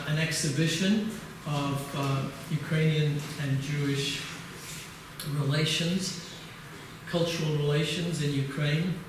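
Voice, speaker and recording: An older man from England giving an academic conference lecture, hesitant, with many uhs and restarts. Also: a little high. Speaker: keynote lecturer. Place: conference hall. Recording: distant mic, echoey hall, noise.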